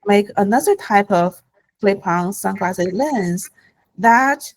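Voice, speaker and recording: A woman's voice: medium pitch, expressive, dry recording, rough recording. A woman presenting her company's product in a webinar, answering questions with frequent fillers and restarts. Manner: halting, many fillers and restarts. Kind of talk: live webinar Q&A.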